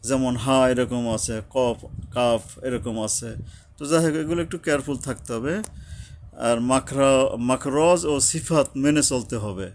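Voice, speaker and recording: A man teaching Quran recitation, explaining pronunciation slowly and chanting short verses to show each sound. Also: mid-range voice, a little mellow, a little hiss or hum. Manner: slow, careful, demonstrating sounds, chanting verses. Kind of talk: tajweed lesson, explaining and reciting.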